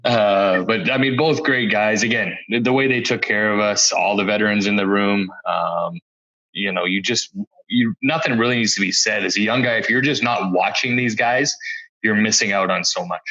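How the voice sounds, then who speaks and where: A man's voice: fairly low pitch, normal speed, sharp tone, highs cut off. A man in his forties, a former pro hockey player, telling easygoing anecdotes as a podcast guest. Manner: easygoing, reminiscing, chuckles between stories. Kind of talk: relaxed anecdotal interview storytelling.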